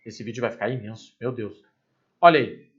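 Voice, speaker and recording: A man's voice: medium pitch, moderate pace, highs cut off. A male teacher explains grammar in a chatty way, asking rhetorical questions and dropping asides. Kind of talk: recorded grammar lesson.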